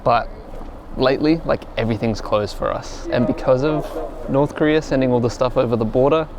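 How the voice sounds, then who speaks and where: A man's voice: mid-range voice, a little fast, crowd noise. A young man chatting casually in a travel vlog, explaining as he goes and filling with "like", recorded outdoors on a tour. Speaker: travel vlogger.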